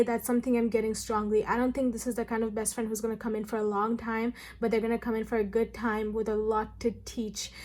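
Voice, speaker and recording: A woman's voice: fairly high pitch, darkish tone. A young woman giving a casual, chatty tarot reading, earnest and full of fillers and asides. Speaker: tarot reader.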